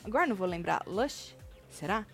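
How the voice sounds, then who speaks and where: A woman's voice: medium pitch, expressive, moderate pace, a bit bright, faint music behind. A woman from São hosting a casual gossip chat, teasing and repeating phrases for effect. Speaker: show host.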